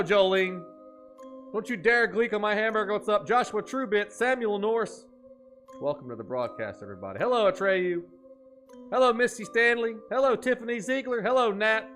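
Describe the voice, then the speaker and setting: High-voiced hyped-up male streamer. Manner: hypey, jokey, shouts catchphrases, drops into a deep mock-spooky voice. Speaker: live-streaming gaming host. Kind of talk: energetic live stream chat. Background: faint game music.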